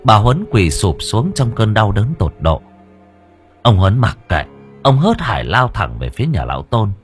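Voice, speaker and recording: A man's voice: on the low side, sing-song, moderate pace, faint music behind. A man narrating a horror story in a dramatic, emphatic storytelling manner.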